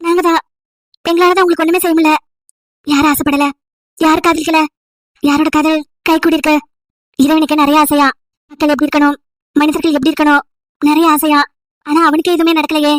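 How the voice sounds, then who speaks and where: A woman's voice: sits high, level tone, brisk, pauses often, no room sound. A woman storyteller voicing a sad, devoted young wife who pleads earnestly and tenderly. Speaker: storyteller voicing all parts.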